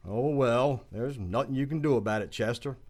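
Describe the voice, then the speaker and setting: An actor playing an inquisitive, plain-spoken frontier town doctor in a western radio drama. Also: male voice, mid-range voice, moderate pace, a little mellow, close to an everyday voice. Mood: concerned.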